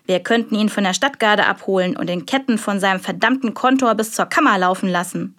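A woman's voice: medium pitch, a little fast, fairly bright tone, close to an everyday voice. A woman reading an audiobook, voicing a stern, irritable male magistrate with biting sarcasm. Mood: sarcastic. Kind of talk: audiobook character voice.

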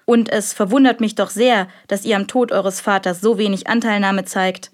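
A woman's voice: medium pitch, steady tone, normal speed, lightly acted. A woman reading an audiobook, voicing a stern, irritable male magistrate with biting sarcasm. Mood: interrogating. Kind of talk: audiobook character voice.

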